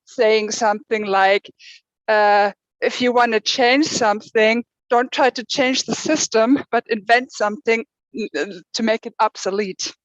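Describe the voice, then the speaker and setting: A woman's voice: a little high, fairly even intonation, unhurried, no room sound. A woman on a video call with her camera off, talking hesitantly and searching for words. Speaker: workshop participant. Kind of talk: casual discussion on a video call. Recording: dull dry laptop audio.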